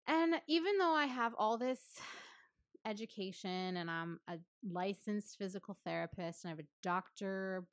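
Female PT co-host, 30s, lowish voice, casual rambling storyteller, dry recording. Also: dry recording. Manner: chatty, many fillers, laughs often, lively storytelling. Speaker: physical therapist and podcast co-host. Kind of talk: casual chat.

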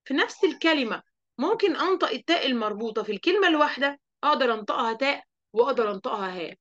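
A woman with an Egyptian accent teaching an online lesson to young children, lively and asking the class questions she then answers. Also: high voice, very fast, dull audio. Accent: Egyptian Arabic. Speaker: primary school teacher.

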